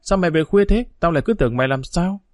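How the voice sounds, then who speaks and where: A man's voice: fairly high pitch, lively intonation, fast talker, darkish tone, no echo, studio quality, pitched above the performer's own voice, lightly acted. A man voicing a young street boy who is timid, clingy and tearful, pleading with his friend in a Vietnamese storybook reading.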